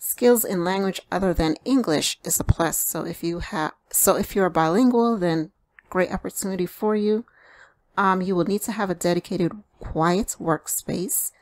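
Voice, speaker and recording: A woman hosting an online video, pitching remote job openings in a plain explanatory way, speaking directly to viewers. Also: moderate pace, a little mellow, dry recording. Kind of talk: promotional work-from-home opportunity pitch.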